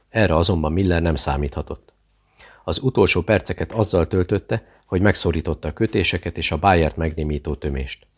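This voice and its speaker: Deep-voiced male audiobook narrator.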